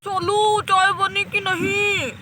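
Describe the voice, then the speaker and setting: A woman voicing a middle-aged village father who keeps complaining loudly about the cold. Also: very high-pitched, level tone, takes it slowly, voice pushed up, full character voice. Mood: scolding. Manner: loud complaining calls. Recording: noisy home recording.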